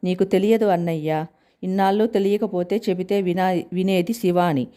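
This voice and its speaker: A woman reading a story aloud and voicing an irritable young husband who scolds, in a low, mellow voice. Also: steady tone, moderate pace, natural voice. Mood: irritated.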